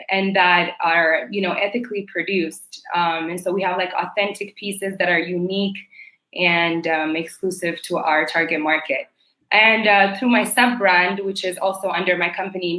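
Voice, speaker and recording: Chatty young woman from Ethiopia, bright. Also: mid-range voice, roomy sound, low-quality recording. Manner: chatty, many fillers like "like" and "um". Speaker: guest, fashion designer and entrepreneur. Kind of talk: casual interview answers.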